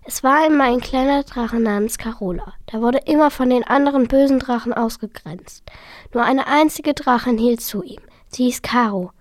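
Soft-voiced woman reading a fairy tale. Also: a little high, moderate pace, dry recording, studio quality. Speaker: storyteller. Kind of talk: reading a children's story aloud.

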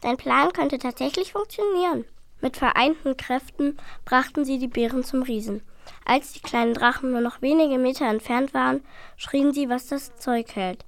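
A woman reading a children's story aloud in a lively, expressive way. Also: high-pitched, moderate pace, no room sound.

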